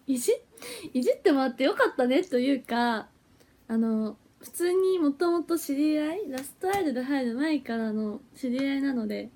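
A woman's voice: high-pitched, lively intonation, measured pace, a little mellow. A young woman, an idol, chatting casually with viewers on a phone livestream, giggly and easily flustered. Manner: chatty and giggly, flustered when her stream freezes.

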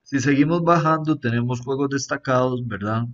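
A man giving a relaxed walkthrough of a phone app, often tagging sentences with a questioning aside and pausing on fillers. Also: mid-range voice, muffled recording. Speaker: app reviewer. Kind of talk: casual screen-recorded app walkthrough.

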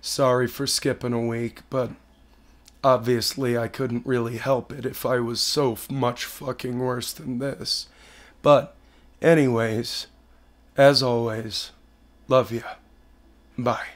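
A man in his twenties talks casually to camera in his living room as a podcast host. His voice is hoarse and partly lost, sitting at an ordinary pitch. He is blunt, self-deprecating and swears freely. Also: little pitch movement, takes it slowly, pauses often. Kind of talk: casual solo update to camera.

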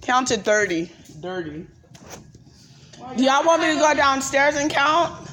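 A young woman walks through an empty house filming a hide-and-seek game on a handheld phone, with a crowd audible behind her. Her high voice is very animated, playful, teasing and sing-song, at a measured pace, in a casual vlog style.

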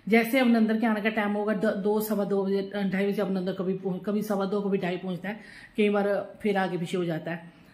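A woman's voice: mid-range voice, level tone, brisk, a little mellow. Middle-aged lady rambling on while cooking, casual home vlog, phone mic. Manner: chatty, rambling, talks while doing chores. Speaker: vlogger. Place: home kitchen.

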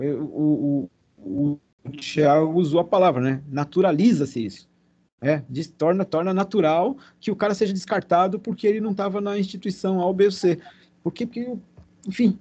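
A man with a husky, mellow voice talks haltingly, often restarting his sentences. He is on a video call, and the sound comes through dull and lo-fi. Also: high-pitched. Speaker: meeting participant. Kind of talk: casual discussion.

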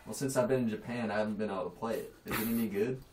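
A man's voice: lowish voice, very fast, a little mellow, slight background noise. A man with a Southern US accent making friendly, rambling small talk in a game voice chat, laughing at himself. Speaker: gamer chatting with strangers. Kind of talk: casual voice chat.

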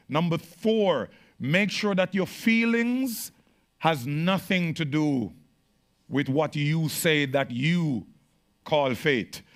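Slow, fairly high-voiced male preacher. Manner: emphatic, swinging between loud exclamations and quiet asides; stumbling restarts and repeated words. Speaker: pastor. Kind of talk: sermon. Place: church meeting room with congregation.

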